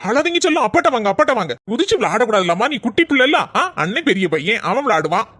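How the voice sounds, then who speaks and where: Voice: mid-range voice, big pitch swings, fast, noisy background, lightly acted. A performer voicing a doting father in a cartoon, with a Tirunelveli-Kanyakumari Tamil accent, coaxing his little daughter and stern with his son.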